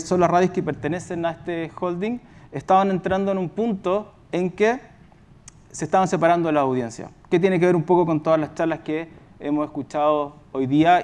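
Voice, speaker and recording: A company executive with a Chilean accent gives an informal conference presentation, stumbling and correcting himself along the way. His voice is on the high side and slightly mellow.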